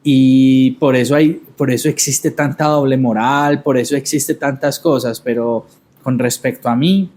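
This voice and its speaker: A man in a reflective conversation, speaking at an ordinary middle pitch. He talks thoughtfully and haltingly, restarting phrases and circling back to his words before he goes on. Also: fairly even intonation, a little mellow. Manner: thoughtful, halting, repeats words while searching. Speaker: podcast host.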